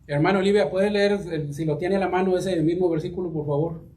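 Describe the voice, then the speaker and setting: A man preaches a sermon with a voice pitched a little high. He reads scripture aloud and often stops to repeat a word as he looks for the next one. He keeps calling the congregation his brothers. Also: steady tone, mellow. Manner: halting, repeats words while searching, addresses congregation as brothers.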